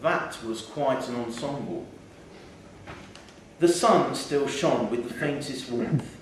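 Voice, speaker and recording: Slowly and at a medium pitch, a man reads a literary short story aloud during a live theatre event indoors. The audio is very echoey with faint noise, since the mic sits far away.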